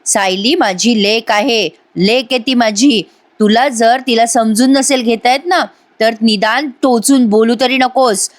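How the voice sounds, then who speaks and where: A stern family father loses patience and scolds with his voice raised. A woman narrator reads him in her own high voice, only lifting it a little for the anger. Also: measured pace, lightly acted. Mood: scolding. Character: stern angry father of the house.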